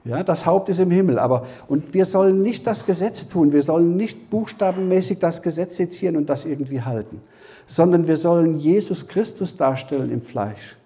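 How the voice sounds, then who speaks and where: A man giving a Bible teaching as a sermon, talking conversationally to the congregation, often checking with a quick "ja?" and restarting his phrases. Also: a little high, expressive, mellow. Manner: conversational preaching, frequent tag "ja?", restarts. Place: church hall.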